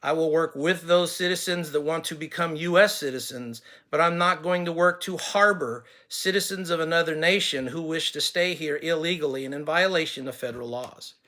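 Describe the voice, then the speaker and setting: A native English-speaking man addresses the camera formally in halting, non-fluent Spanish, restarting often before switching to English. He is earnest and closes with blessings, his voice fairly high-pitched and sharp.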